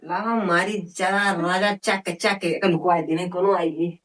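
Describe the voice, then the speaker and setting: A man's voice: high-pitched, slow, pushed and bright, full character voice. An idle village stoner from a comedy skit, acted by a man, talks in a lazy Awadhi drawl. He is a bidi-smoking young buddy, recorded at some distance from the microphone. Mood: idle, stoned.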